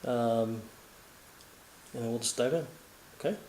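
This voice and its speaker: A chatty man asks loose, rambling questions in a casual interview. He speaks at a mid pitch and slips in small jokes. His voice sounds roomy, as if recorded in an echoey room. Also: a little slow, darkish tone, slight background noise. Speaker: host, grandson interviewer.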